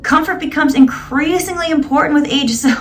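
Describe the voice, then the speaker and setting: In her late thirties, this vlogger speaks at normal speed in a high-pitched voice, reading out search results and poking fun at them with dry sarcasm. The casual recording carries a little hiss or hum.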